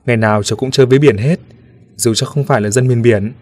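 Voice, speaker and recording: A lonely little ghost boy speaks earnestly and gently, with a slightly lifted, soft childlike voice, as a male narrator plays him. He is a figure from a spoken ghost storybook. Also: medium pitch, steady tone, brisk, lightly acted. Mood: earnest, wistful. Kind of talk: storybook reading.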